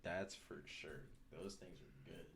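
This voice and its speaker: A man's voice: low voice, slow pace, fairly bright tone, slight background noise. A man chatting casually in frat-bro slang, rambling and swearing as he tells stories on a podcast. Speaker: podcast host. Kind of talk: casual chat, rambling storytelling.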